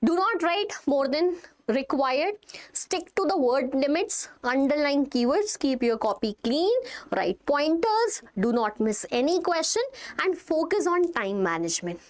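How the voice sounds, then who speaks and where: A woman's voice: high voice, very animated, measured pace. A woman with a North Indian accent teaching a live online revision class, emphatic and instructive, repeating key points to her students. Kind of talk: live exam revision lesson, addressing students directly.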